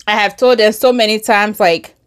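A woman's voice: mid-range voice, moderate pace, clear, resonant tone. A middle-aged woman from Liberia, chatting casually to camera at her table at home while she eats. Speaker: vlogger. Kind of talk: casual mukbang chat to camera.

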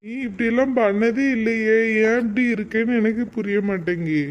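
A man's voice: high voice, fairly quick, highs cut off, lightly acted. A man voicing a reassuring, caring husband in a cartoon, coaxing and chatty.

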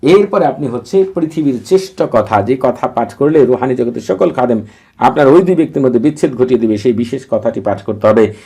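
A man teaching a religious ritual to viewers, giving steady, repetitive step-by-step instructions. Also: mid-range voice, fairly quick, gravelly, husky. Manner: recites long Arabic formulas in a chanting cadence.

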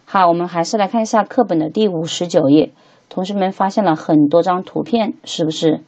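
A woman teaching English to beginners, patiently repeating each word slowly three times as she walks through a textbook lesson. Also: on the low side, a little mellow, muffled recording.

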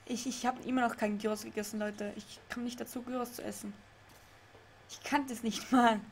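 Playing a game live from her home room, a chatty young female streamer talks with her chat in a slightly high voice at normal speed, with fairly even intonation. She laughs a lot and is easily confused, often losing her way. A faint hiss runs under her voice.

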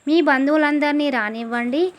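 A woman voicing a stubborn, sharp-tongued young wife who answers curtly and dismissively in a told folk story. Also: high voice, normal speed, close to an everyday voice. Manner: curt, dismissive.

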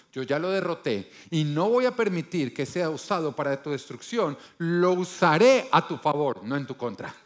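A male pastor delivering a sermon, emphatic, swinging from loud bursts to low, quiet lines and acting out the voices he quotes. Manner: acts out quoted voices in his preaching.

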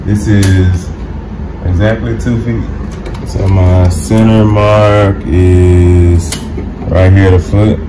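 A man in his thirties speaks slowly in a low-pitched, fairly even voice while hosting an informal DIY tutorial. He explains each step of the product demo as he works, indoors in a noisy home game room.

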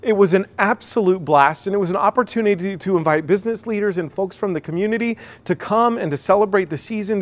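A middle-aged man with an American Midwest accent, a pastor giving a sermon in a conversational way, full of fillers and restarts. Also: high-pitched.

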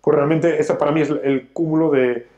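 A financial educator who hosts a show lectures with emphasis on a studio sofa during a talk show discussion, using lots of gestures. His fairly high, dark voice holds a steady tone at a fairly quick pace, and the recording sounds muffled.

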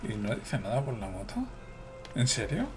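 A man's voice: on the low side, moderate pace, over music. A man from gives chatty, exclamatory commentary while playing a video game and talking to his viewers. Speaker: gameplay streamer. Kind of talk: casual gameplay commentary.

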